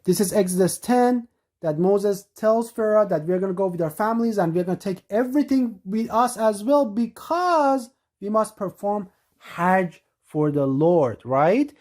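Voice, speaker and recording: A woman's voice: medium pitch, animated, unhurried, a little mellow. A woman presenting a lesson, walking through words on screen, often repeating herself and restarting mid-sentence. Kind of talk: explaining scripture on screen.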